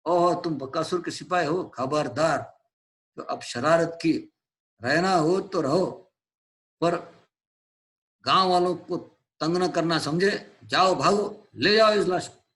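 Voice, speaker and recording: A man putting on a brash, mighty hero in a classroom play reading, bellowing taunts and orders on a slightly high voice, full of swagger and coarse jeers. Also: slow pace, pauses often. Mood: commanding. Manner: loud taunting laughs and shouted boasts. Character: boastful mighty male hero, roaring and mocking. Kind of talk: classroom read-aloud of a play.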